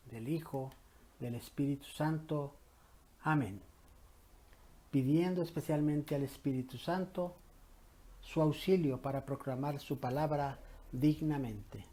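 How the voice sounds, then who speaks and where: A man with a Mexican Spanish accent, a parish priest greeting the faithful, leading prayer and reading scripture in a slow, measured, solemn way. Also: mid-range voice, warm tone.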